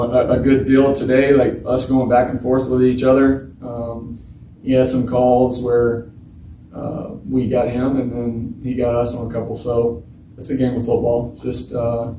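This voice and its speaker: Frank quarterback in an echoey press room. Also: male voice, mid-range voice, mellow, recorded from a distance, slight background noise. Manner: frank, halting, many restarts. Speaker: football quarterback. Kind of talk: post-game press conference. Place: small press room with bare walls. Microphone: table mic, filmed from across the room.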